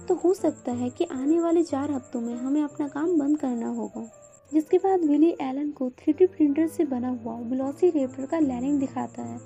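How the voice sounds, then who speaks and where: Woman narrator, high voice, very dark mellow tone, faint music underneath. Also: vocal fry. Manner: steady storytelling recap. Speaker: film recap narrator. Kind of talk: scripted narration. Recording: voice-over with faint background music.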